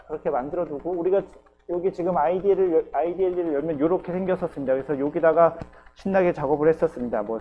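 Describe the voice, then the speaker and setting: A man's voice: a little high, narrow, tinny audio. A male university lecturer giving a recorded programming class, explaining step by step and often checking in with his students. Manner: patient, explains step by step with frequent "ye" and "geujyo" check-ins.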